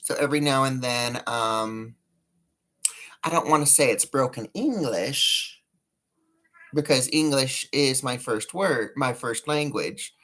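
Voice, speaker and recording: A woman hosting a laid-back live chat, speaking with an American accent that mixes northern and southern sounds. She takes her time, unhurried and drawn out. Her talk rambles and halts, blunt about what she thinks. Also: very deep voice, fairly bright tone. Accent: mixed northern and southern American. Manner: rambling, halting, frank. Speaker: livestream host.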